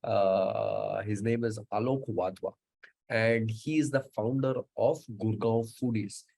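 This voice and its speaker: In casual chat on his live online show, a Mumbai host with an Indian English accent leans on fillers and says words three times over. His fairly low, gravelly, slightly mellow voice is steady and slow, heard through a rough recording.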